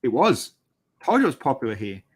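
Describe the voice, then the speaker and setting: A man's voice: mid-range voice, sing-song, a little fast, slightly rough. A man chatting casually and informally as host of a hobby show. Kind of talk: casual chat.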